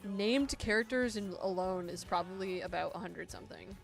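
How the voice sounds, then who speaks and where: Brief: young woman artist, stuffy nose, casual playful livestream Q&A, desk mic, quiet music bed. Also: mid-range voice, normal speed, gravelly. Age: 20s. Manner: chatty, playful, self-mocking. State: congested. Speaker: artist streaming a Q&A. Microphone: desktop mic.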